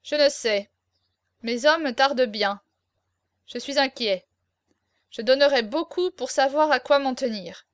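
A woman's voice: high-pitched, a little slow, pauses often, no room sound, studio quality. A woman reading the part of a scheming, commanding nobleman prince, curt and imperious, in an audiobook. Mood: uneasy. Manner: curt, imperious, louder than the narration.

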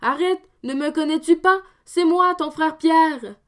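A woman voicing a young man disguised as a ghost, hooting loudly and then pleading frantically. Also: high voice, unhurried, voice pushed up. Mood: frantic pleading.

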